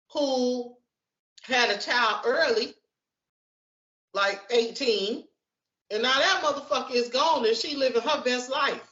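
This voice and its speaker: In a casual podcast chat, a frank woman in her forties serves as co-host, her fairly bright voice on the high side. She repeats words while thinking aloud, and the audio is lo-fi with an echoey room sound.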